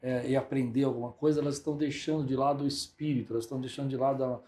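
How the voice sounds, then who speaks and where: A man with a Brazilian Portuguese accent, a pastor hosting a podcast, asking gently provocative questions. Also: mid-range voice, fairly even intonation, very fast. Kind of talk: conversational podcast interview.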